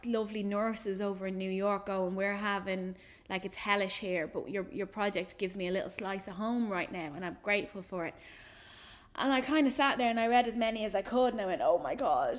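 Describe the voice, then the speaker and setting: A woman's voice: mid-range voice, a little fast. An Irish woman, a photographer, telling a casual story in a talk and acting out the voices of the people she quotes. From Ireland. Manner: chatty, animated, acts out quoted voices.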